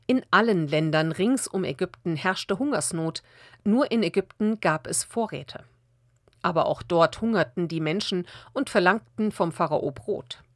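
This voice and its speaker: A woman reading a Bible passage aloud as a measured audiobook narration, slowing down for the quoted speech. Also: lowish voice, expressive, no echo, clean studio sound. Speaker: Bible reader.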